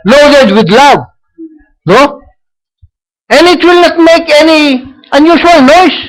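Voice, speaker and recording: A man with a notably high voice preaches a sermon in a church, his plain as he slides between Tagalog and English. He hammers points home by repetition and keeps checking in with a questioning "No?". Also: expressive, slow pace, low-quality recording. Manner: switches between Tagalog and English, tags lines with "No?"; repeats himself for emphasis. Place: church service.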